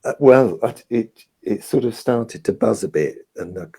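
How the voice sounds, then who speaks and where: A man talks informally and hesitantly, trailing off as he goes. His voice is deep, dark and mellow, with a strongly husky edge. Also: expressive, moderate pace. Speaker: guest on an online show. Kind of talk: casual chat.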